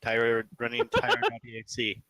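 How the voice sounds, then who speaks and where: A man voicing a glitching, malfunctioning robot in flat, clipped machine-like phrases as a joke during a tabletop game. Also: medium pitch, slow pace, heavily acted. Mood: mock-robotic. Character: glitching malfunctioning male robot, error messages.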